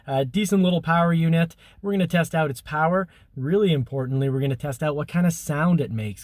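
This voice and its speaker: This car review comes from a man with a blocked, stuffy nose, talking casually from inside the vehicle and sometimes driving. His medium-pitched voice has a slightly mellow quality, and he explains things while frequently starting over with "you know."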